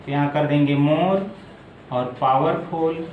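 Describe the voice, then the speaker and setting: A man walks through grammar rules slowly, repeating each word form as he goes. His voice sits high for a man. The room is echoey, with a faint hiss of background noise. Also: fairly even intonation, narrow, tinny audio. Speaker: English teacher. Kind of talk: explaining grammar in a video lesson.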